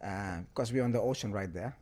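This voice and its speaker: A man's voice: on the low side, brisk. A man from Germany, a podcast guest telling stories in a casual interview, often tagging his sentences with "right?". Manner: relaxed storytelling, peppered with "right?" and "you know". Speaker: podcast guest, sports entrepreneur.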